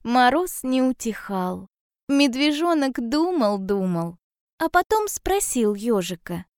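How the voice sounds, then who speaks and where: Slow, calm woman reading a fairy tale. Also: on the high side, smooth, no echo, clean studio sound. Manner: calm, measured storytelling. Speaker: storyteller.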